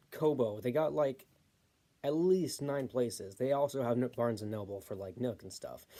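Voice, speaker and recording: A man's voice: medium pitch, mellow. A man giving a casual, unscripted self-publishing tutorial, rambling with lots of fillers and stopping to correct himself.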